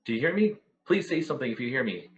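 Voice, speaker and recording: A man's voice: mid-range voice, very animated, fast talker, voice pushed up. A man voicing a faint, impatient voice calling from an amulet, muffled as if heard through a wall. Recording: dull lo-fi roomy sound.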